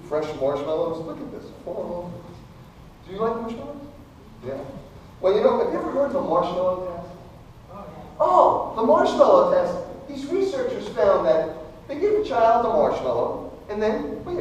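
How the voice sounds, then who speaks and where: A man works as a kids party magician, with a voice that swings widely in pitch. He is playful and exclamatory, fumbling on purpose as he coaxes a volunteer along. The sound is distant and heavily echoed, with faint noise. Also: dull audio. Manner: playful, exclamatory, mock-bumbling showman. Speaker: stage magician. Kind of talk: kids party magician, comic audience-participation patter. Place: echoey room at a live magic show.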